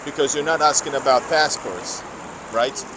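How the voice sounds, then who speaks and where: Walking outdoors through city streets, this vlogger from Finland livestreams a tour and chats to his viewers, reading their comments aloud while rambling and correcting himself. He speaks at medium pitch and normal speed with a slight Finnish accent, his native tongue being Finnish or Russian, and traffic noise fills the recording.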